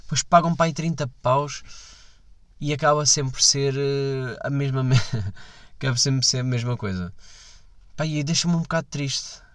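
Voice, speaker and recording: Animated European Portuguese man, dry sound. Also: mid-range voice, no echo. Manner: animated, self-mocking, quick asides and mock voices. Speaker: podcast host. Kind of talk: casual solo monologue. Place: quiet room at night.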